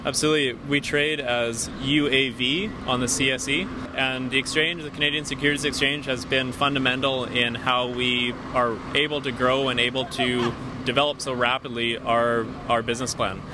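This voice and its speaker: Interviewed outdoors on a busy city street, a company CEO in his thirties gives measured, businesslike explanations in a level, medium-pitched voice. The interviewer holds a handheld mic, and street and traffic noise come through clearly.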